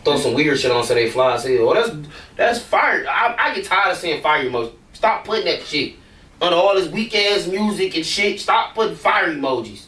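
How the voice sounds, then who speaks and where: A man's voice: on the high side, expressive, a little fast, sharp tone, roomy sound, far from the mic. A man, a rapper, talking casually and bluntly in an interview, rambling and swearing freely.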